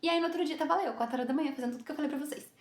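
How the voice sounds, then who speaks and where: A young woman tells a personal story straight to camera. Her voice sits high and bounces between quoted lines and asides, with frequent laughter. The room around her sounds echoey. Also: rapid-fire. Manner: lively, laughs often, acts out quotes. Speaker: vlogger.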